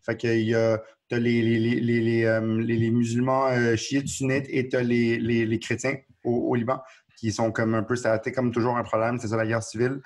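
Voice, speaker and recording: A man's voice: medium pitch, little pitch movement, moderate pace. A man with a Quebec French accent explaining the news in an earnest, casual discussion, often restarting his sentences. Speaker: podcast co-host. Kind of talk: casual current-affairs discussion.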